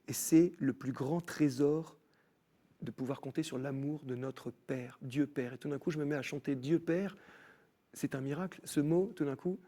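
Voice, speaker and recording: Man, TV studio guest, faith testimony, animated, restarts often. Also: a little high, moderate pace. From France. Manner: animated storytelling, many restarts. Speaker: guest musician.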